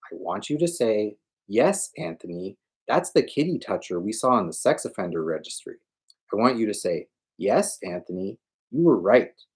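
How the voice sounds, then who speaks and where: A man's voice: lowish voice, big pitch swings, normal speed, slightly rough, voice pushed up. A man doing a furious, foul-mouthed young man. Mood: mocking. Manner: shouting, raised and strained.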